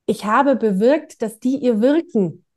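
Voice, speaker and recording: Middle-aged woman, business coach, guest in an interview, animated storytelling, fairly high voice. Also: a little slow. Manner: lively, emotional, acts out quoted dialogue.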